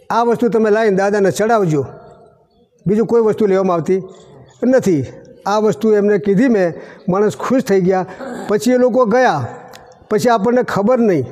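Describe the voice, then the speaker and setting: A man's voice: high voice, a little mellow. A man, a shrine caretaker telling pious stories full of quoted dialogue. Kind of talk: storytelling interview. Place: outdoors at a village shrine.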